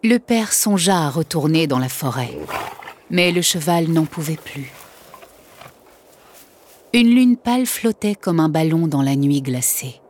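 A woman narrating a children's audiobook in a slow, expressive storytelling manner. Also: deep voice, slight background noise.

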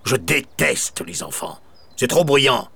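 Man playing a grouchy haughty baron, curt, husky voice, storybook. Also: mid-range voice, sing-song, slow pace, pushed and bright, heavily acted. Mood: disdainful. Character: grumpy little baron who hates children.

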